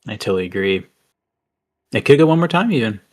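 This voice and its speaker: A man commentating a drift racing event, excitable and chatty, a little out of breath. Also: on the low side, fast. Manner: excitable, chatty, laughs easily.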